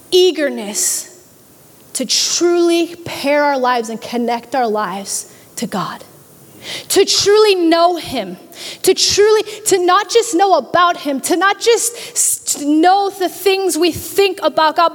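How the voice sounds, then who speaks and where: High-voiced woman preaching in a hall. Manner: animated, repeats words, acts out quoted voices. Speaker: pastor. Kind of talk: sermon. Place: large church hall. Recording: long hall reverb.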